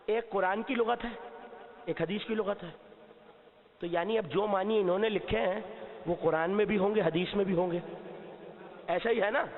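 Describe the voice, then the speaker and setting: Man preaching, high voice, impassioned sermon, long hall reverb, tinny phone-like sound. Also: long pauses. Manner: impassioned, rising to shouts at key points; asks the audience questions and answers himself. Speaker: Shia cleric giving a majlis sermon. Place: mosque or hall before a seated gathering.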